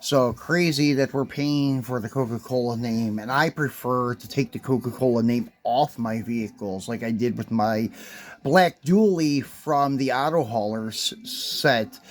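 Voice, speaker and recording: A man's voice: mid-range voice, a little slow. A man casually unboxing and reviewing model trucks, chatty and loose, with filler words and side remarks. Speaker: die-cast collector reviewing toys.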